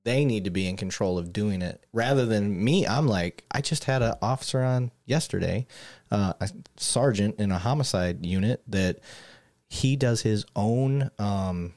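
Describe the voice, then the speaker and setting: Rambling low-voiced man. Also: normal speed, a little mellow. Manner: rambling, self-interrupting, laughs easily. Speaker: podcast host. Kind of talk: casual chat.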